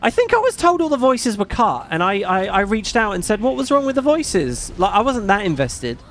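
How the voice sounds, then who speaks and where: A fairly high, unmacho voice belongs to a middle-aged Brit chatting on his live stream, where he rambles and drops casual swears. The tone is fairly bright, with a slight hiss or hum behind it.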